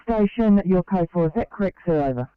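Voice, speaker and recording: A woman's voice: lowish voice, lively intonation, a little fast, smooth, no echo. A woman working as an emergency dispatcher, speaking in clipped radio procedure over a walkie-talkie. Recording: narrow, tinny two-way radio transmission.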